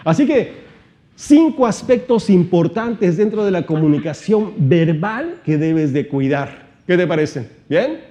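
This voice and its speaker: A man giving an animated seminar-style teaching talk, shifting his volume and pitch and asking many rhetorical questions. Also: a little slow. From Mexico. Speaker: motivational trainer.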